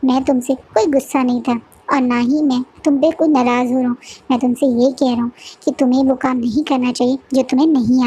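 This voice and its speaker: A strict but caring young man who scolds firmly and then comforts in a level, reassuring way, as a woman narrator reads him. The voice is high and light. The reading stays close to the narrator's everyday voice. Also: dark tone, husky.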